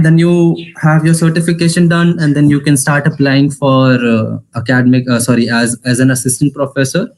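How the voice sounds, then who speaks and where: This is a young man with an Indian accent, talking to students in an informal online session. His voice sits at an ordinary, mid-range pitch. He rushes along, mixes Hindi into his English and often breaks off to rephrase. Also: poor audio. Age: 20s. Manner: fast talker, mixes Hindi into English, frequent restarts. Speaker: alumnus giving a career talk.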